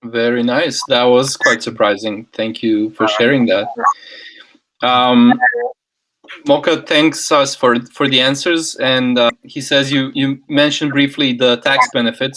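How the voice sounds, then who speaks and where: Man from Serbia, co-host, measured and thoughtful in casual chat. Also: medium pitch, fairly bright tone, rough recording. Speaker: co-host reading viewer questions.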